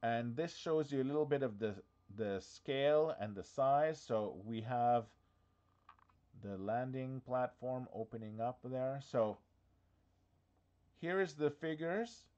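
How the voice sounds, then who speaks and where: A man's voice: medium pitch, slow pace, a little mellow, highs cut off. Chatty man thinking aloud in an office. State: has the hiccups. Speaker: diorama workshop host. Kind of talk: casual live office-cam walkthrough.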